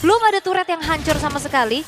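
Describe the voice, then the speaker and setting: A woman with an Indonesian accent gives animated, conversational analysis as a live esports commentator, mixing in English gaming jargon. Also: sits high, fast. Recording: music behind the commentary.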